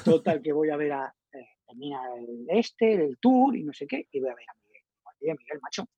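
A man's voice: on the high side, animated, brisk, mellow, no room sound. A middle-aged man from Spain, a radio journalist guest, animatedly telling an anecdote and acting out the dialogue he quotes. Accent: Spain Spanish. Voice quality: husky. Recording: dull lo-fi dry recording.

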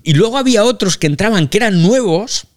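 A man's voice: high voice, animated, a little fast. A man with a Spain Spanish accent hosting a casual live audio chat, chatty and self-mocking, swearing casually as he talks into a phone mic. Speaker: podcast host.

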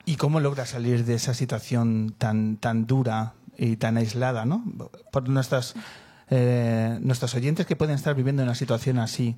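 A man hosts a radio interview, his voice at a middle pitch. He asks long questions in a measured way, pausing on fillers as he reaches for the right words. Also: steady tone, mellow, breathy edge.

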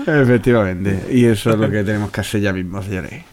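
A man, hoarse, co-hosting a comedy podcast, reading out listener jokes and swearing freely. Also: fairly low pitch, quick pace. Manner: swearing, joking, expressive. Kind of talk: casual comedy chat.

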